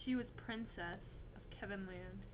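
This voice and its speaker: A woman's voice: mid-range voice, moderate pace. A young woman improvising a story with a friend, playful, with jokey asides. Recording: dull lo-fi recording with faint hiss.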